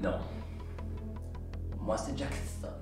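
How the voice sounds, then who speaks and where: Guy doing a petty movie bad guy w a slushy sh lisp, swingy pitch, spy spoof, super echoey with music. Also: big pitch swings, a little slow. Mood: exasperated. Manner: lisps, slushy sh for s. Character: lisping male action-film villain, touchy and petty. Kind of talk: comedy sketch parody of spy films. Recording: very echoey room, music behind.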